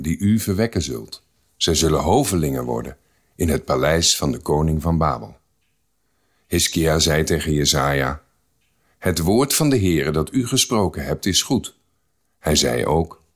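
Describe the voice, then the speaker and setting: A man reading scripture aloud for a podcast in a measured, solemn manner. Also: sits low. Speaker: Bible reader.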